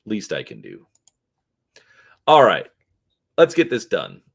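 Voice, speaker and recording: A hard-edged female mercenary with clipped, businesslike lines, read by a man in his own very low voice. The delivery stays plain rather than acted. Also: huge pitch swings, slow pace, gravelly, slightly rough, heavily acted. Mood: brisk. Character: tough, terse female street mercenary.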